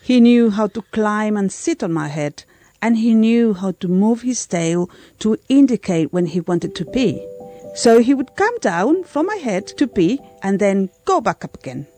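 A woman giving a measured voice-over translation of a guest's story. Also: mid-range voice, lively intonation, dark tone, soft background music. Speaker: interpreter.

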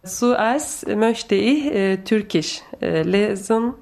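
Slow, hesitant woman. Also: medium pitch, animated, creaky, a little mellow. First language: Turkish. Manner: hesitant, many filler sounds. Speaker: guest reader, former teacher. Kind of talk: halting personal statement.

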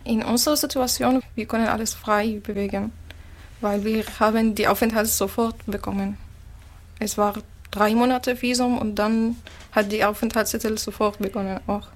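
A woman's voice: a little high, steady tone, moderate pace. A woman from Syria, a native Arabic speaker, answering interview questions in plain, simple German with small slips. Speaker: interviewee, musician. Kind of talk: casual interview.

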